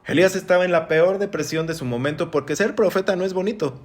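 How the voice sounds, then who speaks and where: Animated preacher man. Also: high-pitched, fast talker. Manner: animated, big swings between loud and hushed, sound-effect interjections. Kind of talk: sermon teaching.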